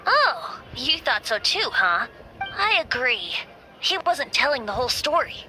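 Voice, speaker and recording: A woman's voice: sits high, sing-song, measured pace, low-quality recording. A woman voicing a playful, whimsical young male bard in a video game, with a teasing, airy manner. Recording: music under the voice.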